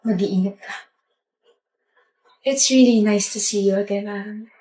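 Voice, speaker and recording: A woman acting out a wistful airport reunion scene in a skit, speaking softly. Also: mid-range voice, a little slow, echoey room, low-quality recording. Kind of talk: skit role-play.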